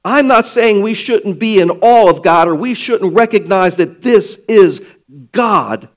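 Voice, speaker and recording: A man preaching a sermon to his congregation, slow and emphatic with dramatic pauses. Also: high voice, lively intonation. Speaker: pastor.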